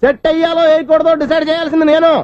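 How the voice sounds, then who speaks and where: An actor playing a teasing, wisecracking film director who mocks a newcomer with jokes. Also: male voice, very high voice, flat delivery, racing, darkish tone, no room sound, highs cut off. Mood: mocking. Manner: mocking, joking.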